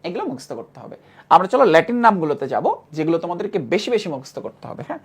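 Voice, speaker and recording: A woman's voice: fairly low pitch, sing-song, quick pace, breathy edge. A woman teaching a chemistry lesson who repeats key terms and keeps checking that students follow. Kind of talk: classroom lecture.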